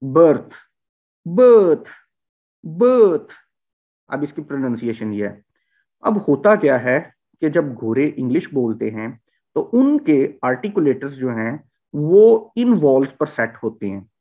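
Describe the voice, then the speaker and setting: A man's voice: medium pitch, big pitch swings, unhurried. A man from Punjab teaching English vowel sounds in a lecture, repeating example words with heavy stress. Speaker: language teacher. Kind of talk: spoken phonetics lecture. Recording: tinny phone-like sound.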